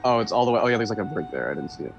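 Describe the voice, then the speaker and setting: A man's voice: lowish voice, big pitch swings, very fast, vocal fry, highs cut off, over music. A man chatting casually as a player in a tabletop roleplaying game.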